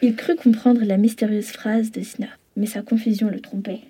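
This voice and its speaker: Calm female narrator, mellow and soft. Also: mid-range voice, normal speed, slightly rough. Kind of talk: children's storybook narration.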